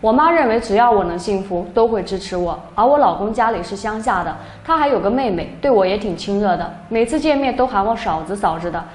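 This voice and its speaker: Fast-talking young woman telling a story. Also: mid-range voice, lively intonation. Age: young adult. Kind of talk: first-person story narration. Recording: echoey room, faint background noise.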